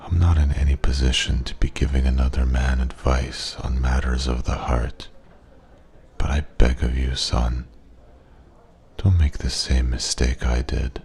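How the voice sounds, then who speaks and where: A man playing a wise, regretful old man at a pub, a soft-spoken old sage giving slow, gentle advice in an ASMR ASMR role-play. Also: rumbling low, little pitch movement. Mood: earnest, tender. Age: older.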